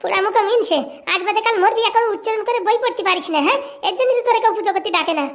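A shrill nagging wife. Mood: scolding. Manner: scolding, mocking, fast-talking. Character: nagging shrill village wife of a poor priest. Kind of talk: comic cartoon voice acting.

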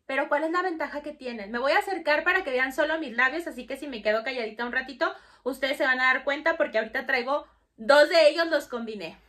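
A woman's voice: sits high, fast talker, a bit bright. A young woman with a Mexican Spanish accent chatting casually to camera about lipsticks, bubbly and full of fillers. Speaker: beauty vlogger. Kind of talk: casual makeup review to camera.

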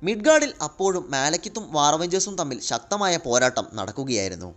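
A man narrating a comic-book story in lively scripted storytelling. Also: fairly high pitch, fast talker, soft background music.

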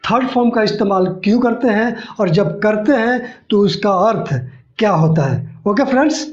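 A man's voice: high-pitched, expressive, moderate pace, reverberant. A man teaching a spoken-English lesson in Hindi, explaining patiently and repeating examples, with frequent "okay friends". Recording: dull lo-fi recording.

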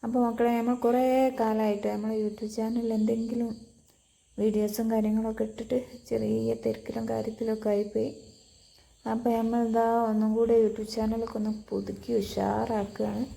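A woman's voice: fairly high pitch, little pitch movement, normal speed, gravelly, warm tone. A woman with a Malabar Malayalam accent giving a casual, chatty vlog voice-over, mixing English words into her Malayalam and addressing viewers familiarly.

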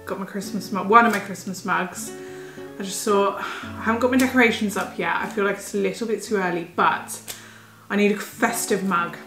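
A woman's voice: mid-range voice, steady tone, brisk, a bit bright. A young pregnant woman, a little out of breath, chatting enthusiastically in a casual food haul vlog at home. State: heavily pregnant, a bit out of breath. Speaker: vlogger. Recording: roomy home recording with faint music.

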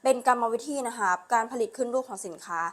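A woman selling on a live stream, with a repetitive, urging sales pitch full of polite particles. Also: quick pace. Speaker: live-stream online seller.

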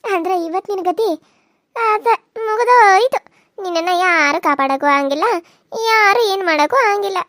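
A woman's voice: very high voice, moderate pace, a bit bright, no echo, studio quality. A woman voicing a vengeful, menacing village wife in a cartoon serial, taunting. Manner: taunting, threatening.

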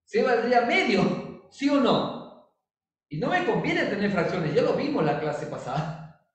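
A man's voice: high-pitched, sing-song, unhurried. A male chemistry teacher giving a recorded lesson, playful and teasing, constantly checking if students follow. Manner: playful, teasing, asks many check questions. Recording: very echoey room, distant mic.

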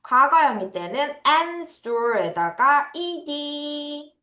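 A woman teaching English vocabulary to children in an online lesson. She drills pronunciation and has the kids repeat each word slowly after her. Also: high-pitched, sing-song, sharp tone, echoey room. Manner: calls herself teacher, talks to kids directly.

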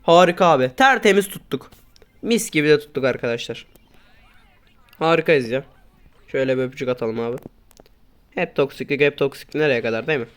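A man doing casual gameplay commentary, grumbling and swearing at his teammates, then breaking into sudden loud outbursts. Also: mid-range voice, brisk, long pauses, smooth. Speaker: gaming YouTuber.

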